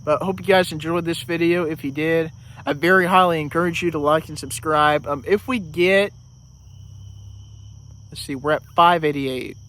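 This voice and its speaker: A man's voice: fairly high pitch, fairly even intonation, moderate pace, fairly bright tone, slight background noise. A man vlogging outdoors in a casual, rambling way, full of fillers and restarts, a little out of breath. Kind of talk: casual vlog talk.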